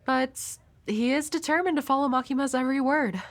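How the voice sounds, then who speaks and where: A woman's voice: sits high, a little fast, close to an everyday voice. Himeno, a woman playing a flirty, world-weary devil hunter. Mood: wistful, resigned. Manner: teasing, coy, breathy at times. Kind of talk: intimate audio roleplay addressed to the listener.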